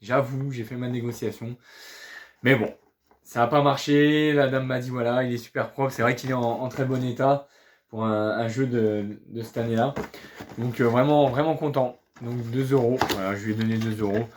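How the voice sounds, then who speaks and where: A man speaks in a loose, unscripted vlog style, pleased and talkative, tripping over his words and circling back often. His pitch sits at an ordinary middle level for a man. A faint hiss and some small clicks sit behind him. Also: steady tone, normal speed. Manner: chatty, hesitant, keeps restarting words and saying voilà; upbeat and pleased. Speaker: video game collector showing flea market finds.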